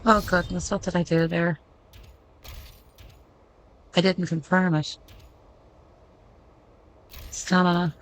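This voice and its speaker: A woman's voice: fairly low pitch, level tone, takes it slowly, pauses often, rough recording. A woman giving casual gameplay commentary, thinking aloud and reading menu text out as she goes.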